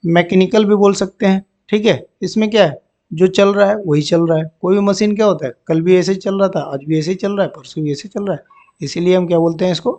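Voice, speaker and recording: A man's voice: sits high, mellow. A man teaching English vocabulary for bank exams, explaining each word in Hindi and often asking "ठीक है ना" to check in. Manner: explains words in Hindi, repeats terms, frequent "ठीक है ना" check-ins; reads example sentences slowly and deliberately.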